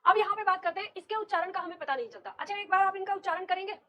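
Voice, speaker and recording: A woman's voice: very high-pitched, very fast, fairly bright tone. A woman teaching a Hindi grammar class, explaining step by step and putting questions to her students. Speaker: Hindi teacher for competitive exams. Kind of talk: classroom lecture on Hindi alphabet.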